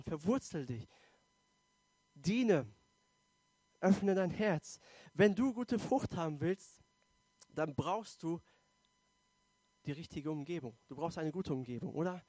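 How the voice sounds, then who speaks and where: A man's voice: a little high, lively intonation, slow, pauses often, darkish tone, no echo. A man preaching a sermon in an earnest way, asking rhetorical questions and repeating phrases for emphasis. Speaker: pastor. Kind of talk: sermon with altar call and prayer.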